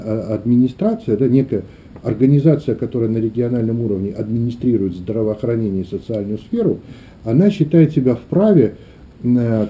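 Male clergyman, middle-aged, very dark soft-edged tone, reflective interview delivery with hesitant phrasing. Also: mid-range voice. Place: small meeting room indoors.

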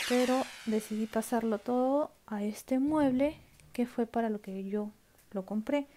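Her voice is on the high side with a dark tone as she does a casual show-and-tell of her makeup at home. Chatty and frequently addressing viewers, this beauty vlogger occasionally slips into a whisper.

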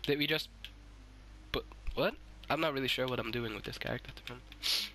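A sick, hoarse man giving swearing, excitable let's-play commentary and shouting at the game. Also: mid-range voice, a little fast, a little hiss or hum. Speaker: gaming YouTuber.

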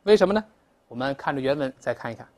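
Animated Mandarin-speaking woman teacher. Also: extremely low pitch, fast talker. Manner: animated, drills pronunciation aloud with repetition; explains in Mandarin with English examples. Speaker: English teacher. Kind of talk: classroom vocabulary lesson.

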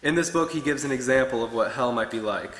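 A man's voice: mid-range voice, fast, fairly bright tone, slight background noise. A young man preaching a short sermon from a pulpit, earnestly reading from his notes. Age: young adult. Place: church hall with wood-paneled walls. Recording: echoey hall with long reverb.

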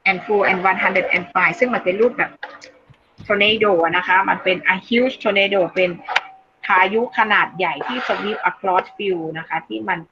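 A woman teaching an English class online, explaining slowly in Thai and reading English phrases aloud. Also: medium pitch, steady tone. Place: online video call. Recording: dull lo-fi call audio, faint noise.

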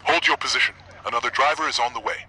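An actor playing a terse heist handler in a video game, giving clipped, formal tactical orders like an arcade game announcer. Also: male voice, mid-range voice, quick pace, lightly acted. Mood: tense, businesslike. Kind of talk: scripted video game mission voice lines. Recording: game audio with clear background noise.

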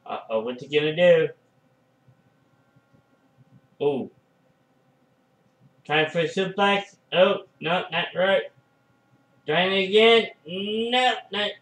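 A man casually commenting on a match as a fan, excitable and full of fillers, with sudden loud exclamations. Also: a little high, slow pace, pauses often, reverberant, rough recording.

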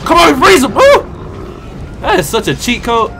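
A young American man giving excitable, trash-talking commentary while he plays a video game. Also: extremely high pitch, normal speed. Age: young adult. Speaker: gaming video host. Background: game music and sounds.

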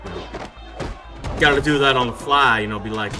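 A man giving casual let's-play commentary, excitable and profane, trash-talking the screen. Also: medium pitch, brisk, crowd noise. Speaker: gaming video host. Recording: faint game music behind.

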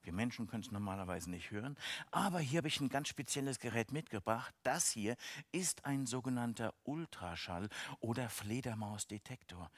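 A man giving a lively, playful science lecture for children, enthusiastic and speaking directly to the kids. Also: medium pitch, moderate pace, dry recording. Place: university event, online stream.

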